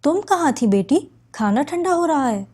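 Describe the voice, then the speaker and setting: A tender, caring middle-aged mother, read by a woman narrator, her voice lifted a little higher and affectionate. It keeps a mellow tone. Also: expressive.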